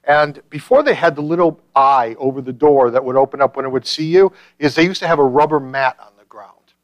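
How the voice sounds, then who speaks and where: A middle-aged man from Chicago, a pastor who prays and then preaches, telling stories in an animated way and repeating his phrases. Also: medium pitch, brisk, no echo, low-quality recording. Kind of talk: sermon with prayer. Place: church.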